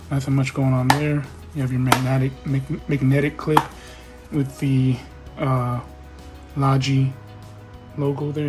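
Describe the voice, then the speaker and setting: A man casually talking through an unboxing in a relaxed, halting way, hosting his own tech video. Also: mid-range voice. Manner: relaxed, halting, with fillers and restarts. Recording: music playing behind.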